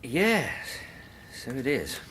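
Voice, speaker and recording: An actor playing a loyal, concerned English gentleman doctor in a radio drama, speaking in an earnest, formal manner. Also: medium pitch, very animated, takes it slowly, background noise. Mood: cordial, measured.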